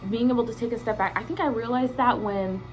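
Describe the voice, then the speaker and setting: A woman's voice: on the high side, fast talker, soft background music. A woman vlogger chatting casually and emphatically to her viewers, in slangy language with swearing and repeated words for emphasis. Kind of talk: casual opinionated chat to viewers.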